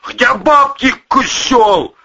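A man shouting as a furious gangster enforcer, raised and harsh. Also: sits high, sing-song, measured pace, gravelly, husky, lo-fi sound, pitched above the performer's own voice, exaggerated voice. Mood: furious threats. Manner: yelling, menacing, coarse. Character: furious threatening male gangster racketeer. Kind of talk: audiobook character voice.

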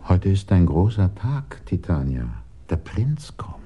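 A man's voice: deep voice, sing-song, measured pace, breathy edge, lo-fi sound, exaggerated voice. An actor playing a scheming man who commands and instructs others at length, in a 1980s radio drama. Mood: coaxing.

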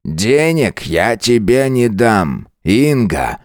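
A man's voice: medium pitch, very animated, moderate pace, no echo, studio quality, pitched above the performer's own voice, lightly acted. A man voicing a stern older husband who speaks curtly and mockingly to his wife. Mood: cold. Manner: curt, cold, mocking.

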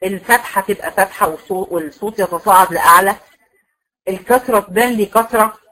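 An Egyptian woman gives a tajweed lesson to her students. She explains each point step by step, keeps checking with short questions, and stretches out example words very slowly so they can follow. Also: mid-range voice, sharp tone, low-quality recording. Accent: Egyptian Arabic. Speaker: Quran recitation teacher. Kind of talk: online tajweed lecture.

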